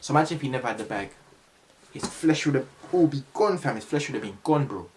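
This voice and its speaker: A man's voice: medium pitch, fast talker. A young man telling a story to camera in a casual, slangy way. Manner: animated, slangy, bursts of shouted sound effects.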